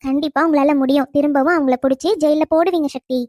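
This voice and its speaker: A woman voicing a gentle, cheerful young wife who reassures her worried police husband and teases him lightly. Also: high voice, fairly even intonation, fast, no room sound, studio quality, lightly acted. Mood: calm. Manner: gentle, soothing, teasing. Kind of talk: cartoon storytelling narration.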